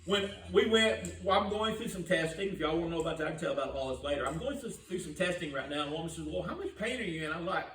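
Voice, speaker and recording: An older pastor preaches in a folksy, storytelling style, often questioning his congregation. His slightly high, bright voice moves fast with few pauses, recorded from a distance in a roomy church sanctuary with a little hiss or hum.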